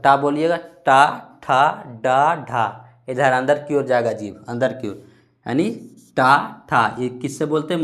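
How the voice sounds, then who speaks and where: With a Bihari Hindi accent and a mid-range voice, a male teacher gives a grammar lesson. He draws out syllables to demonstrate them and answers the questions he poses himself.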